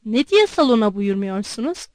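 A woman's voice: on the high side, big pitch swings, normal speed, a little mellow, dry recording, pitched below the performer's own voice. A woman voicing a polite but watchful young male secretary in an audiobook, speaking courteously.

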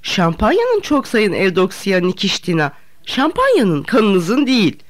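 A woman's voice: medium pitch, huge pitch swings, measured pace, voice pushed up. Woman doing a blunt scornful young man, curt, condescending, audiobook. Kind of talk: audiobook character reading.

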